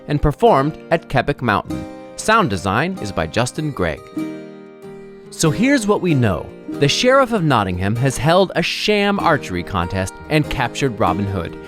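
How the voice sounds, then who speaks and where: A male announcer giving a scripted introduction and story recap for a radio play. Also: medium pitch. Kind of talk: scripted narration. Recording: guitar music underneath.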